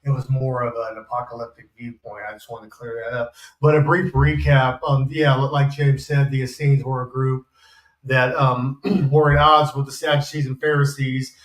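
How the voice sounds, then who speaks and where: A man with a mid-range voice talks as a co-host. He explains casually and carefully, stopping and restarting as he goes. The room adds clear echo. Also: medium pitch, level tone, moderate pace. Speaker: show co-host. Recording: echoey room.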